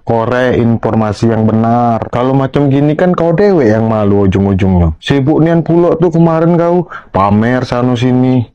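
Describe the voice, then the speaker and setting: A man's voice: medium pitch, dark tone, dry recording. A man giving teasing, sarcastic football commentary in a casual way. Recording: dull lo-fi dry recording.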